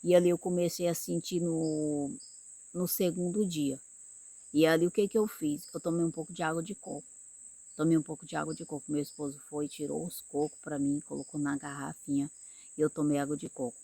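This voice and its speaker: A woman's voice: low-pitched, level tone, brisk, mellow, no room sound. A woman from Brazil giving an informal sermon in a conversational way, often repeating words and asking her listeners if they follow. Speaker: preacher.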